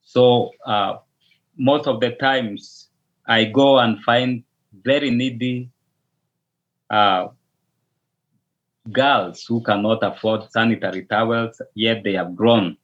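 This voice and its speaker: Over a call, a Kenyan man who is a pastor and grew up speaking Luo answers an interviewer hesitantly, often repeating and restarting words. His mid-range voice has fairly even intonation, and he speaks slowly with long pauses. The audio is dull and lo-fi.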